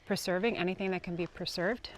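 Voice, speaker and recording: A woman's voice: fairly low pitch, fast talker, a little hiss or hum. Chatty woman talking while hiking uphill. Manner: chatty and animated, laughs often, repeats herself. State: out of breath from hiking. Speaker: co-founder. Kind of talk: casual chat on a walking tour. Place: outdoors on hilly open land.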